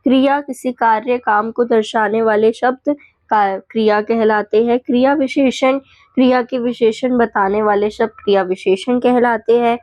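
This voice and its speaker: A woman teacher going quickly through exam revision points, listing definitions and checking in with the class as she goes. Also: a little high, fairly even intonation, darkish tone, no echo.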